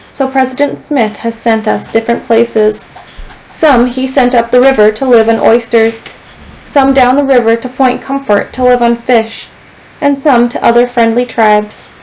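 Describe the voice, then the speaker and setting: A woman's voice: a little high, a little mellow, natural voice, low-quality recording. A woman voicing a thin, hungry English boy settler who speaks plainly and urgently.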